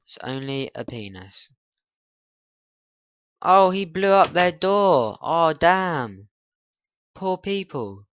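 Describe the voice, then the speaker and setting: A man's voice: a little high, sing-song, slow, pauses often, a bit bright, clear, resonant tone, no room sound, highs cut off. A man rambling through let's-play commentary, flustered, grumbling and poking fun at himself. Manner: flustered, grumbling, self-mocking. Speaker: gaming channel host.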